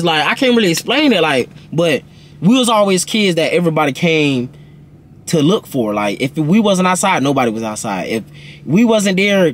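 A young man telling a casual storytime in an animated, rambling, slangy way. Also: on the high side, slight background noise. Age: young adult. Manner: animated, rambling storytelling with slangy talk and repeated tag questions. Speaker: vlog host. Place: inside a parked car.

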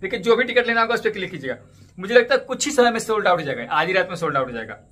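A man in his thirties talks fast and chatty straight into a close webcam, his voice pitched high and bright. He walks through app steps one by one and keeps circling back to plug his channels. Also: lively intonation. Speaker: cricket ticket update YouTuber. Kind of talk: casual tutorial vlog. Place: indoors in front of a green screen stadium backdrop.

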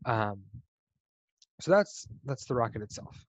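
A man giving a casual slide lecture about rockets on a video call, relaxed and explanatory, with frequent ums and restarts. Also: mid-range voice, unhurried, no echo. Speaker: guest speaker presenting on spacecraft engineering. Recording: dull, dry video call audio.

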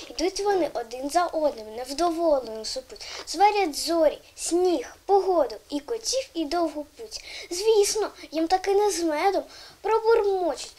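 A woman's voice: high voice, a little mellow. A girl answering a presenter's questions hesitantly and reciting a poem.

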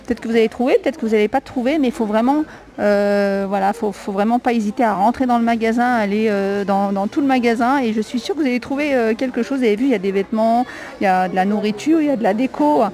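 A woman's voice: fairly high pitch, quick pace, mellow, poor audio. A woman with a non-native accent in French, chatting casually and hesitantly as she films a walk through a discount store, listing prices with many fillers. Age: adult with a young child. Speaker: shopping vlogger. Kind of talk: casual store walkthrough vlog. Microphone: handheld camera.

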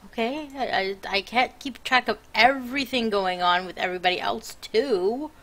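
A woman's voice: fairly high pitch, moderate pace, fairly bright tone. Tired young woman streamer, rambling, teasing, casual live-stream chat. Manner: rambling, teasing, self-interrupting.

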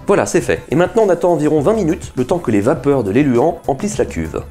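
Talking fast and animatedly, this man in his thirties has a slightly high, dark voice, with soft music in the background. Seated at a desk in a small room, he walks viewers through a chemistry experiment with eager, conversational teaching.

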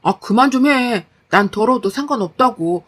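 A woman's voice: a little high, lively intonation, moderate pace, fairly bright tone. A woman voicing a lazy, defensive young husband who grumbles and brushes off complaints in a story. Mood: grumbling, defensive. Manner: whiny, dismissive.

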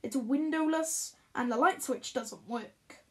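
High-voiced woman reading a first-person story, measured and expressive. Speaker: audiobook reader.

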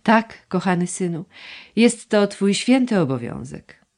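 Woman narrator voicing a plaintive aristocratic mother; gushing, coaxing, lively sing-song reading. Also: medium pitch, measured pace, voice pushed up. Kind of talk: audiobook dialogue reading.

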